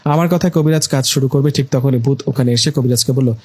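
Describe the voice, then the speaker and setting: A man narrating a first-person story in a lively, exclamatory way. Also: mid-range voice, fairly quick.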